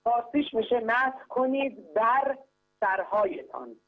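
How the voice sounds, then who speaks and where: A man's voice: very high-pitched, animated. A man calling in to teach a religious text lesson, explaining grammar patiently and step by step, repeatedly urging listeners to pay close attention. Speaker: caller teaching Quran grammar. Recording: tinny phone line with hum.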